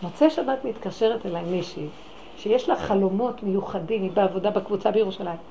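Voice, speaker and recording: A woman giving an impassioned religious talk, swinging between loud exclamations and hushed, pleading tones. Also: mid-range voice, creaky, slight background noise, low-quality recording. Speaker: religious lecturer.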